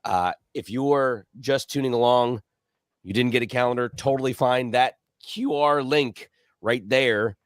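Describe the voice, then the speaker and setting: A man's voice: mid-range voice, dry recording, studio quality. Easygoing man hosting a live stream. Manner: easygoing, explains to viewers. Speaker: host of live tasting.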